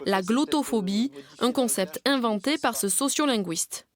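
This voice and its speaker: A woman's voice: a little high, animated, a little slow. A woman reading scripted narration as a television news reporter.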